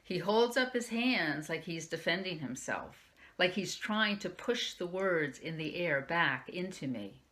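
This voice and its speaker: A woman's voice: on the low side, expressive, unhurried, hardly any pauses, a bit bright. A woman librarian reading a young adult novel aloud in the first person, lifting her voice for the quoted lines. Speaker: youth services librarian.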